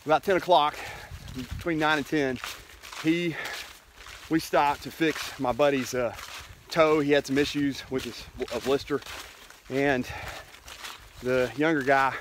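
Walking a wooded trail with his handheld camera close to his face, a middle-aged hiker records a casual vlog of his trip. His medium-pitched voice stays steady and unhurried, he pauses often, and his explanations are plain and to the point, with a little hiss or hum in the audio.

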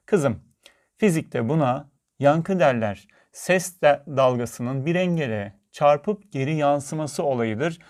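A man voicing a calm, wise father, gently and slowly explaining a life lesson to his daughter. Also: on the high side. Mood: soothing.

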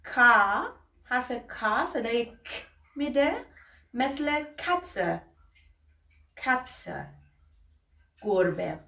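A woman's voice: a little high, big pitch swings, vocal fry, pushed and bright. Woman teaching, echoey and distant. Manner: slow, drawn-out example words, quick asides. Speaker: German teacher. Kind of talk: beginner alphabet lesson. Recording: roomy echo, distant from mic.

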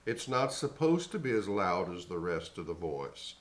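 A man giving a spoken vocal lesson in a slow, measured, instructive way. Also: low voice, sing-song. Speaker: voice teacher. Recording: echoey room.

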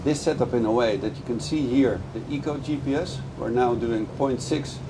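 A middle-aged man explains things eagerly, his voice sitting in an ordinary middle register. He is recorded aboard a moving motorboat. Loud engine and wind noise run under everything he says. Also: mid-range voice, moderate pace. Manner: enthusiastic, explanatory, speaks over engine noise. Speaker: boat dealer giving a product review. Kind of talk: casual product walkthrough. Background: boat engine and water noise.

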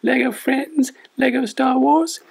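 Squeaky, overbright puppet dog kids' host. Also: male voice, slow pace, gravelly, husky, heavily acted. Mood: overbright, eager. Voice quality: squeaky falsetto. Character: Lani, excitable childlike puppet dog. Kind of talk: children's puppet show presenting.

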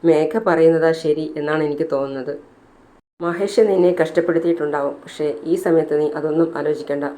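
A narrator voicing a gentle older woman who calms and coaxes the mother. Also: low voice, close to an everyday voice. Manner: soothing.

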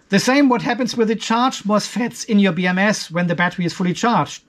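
This off-grid tech reviewer, a man in his fifties with a noticeably high voice, hosts a video where he goes through a technical comparison on a spreadsheet. He lays out the details one step at a time and adds his personal opinions.

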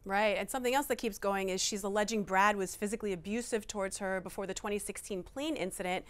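A woman's voice: medium pitch, steady tone, fast. Upbeat woman hosting an entertainment interview. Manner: upbeat, asks questions, laughs easily. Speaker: news show host. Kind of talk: studio news interview. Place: studio with pink backdrop.

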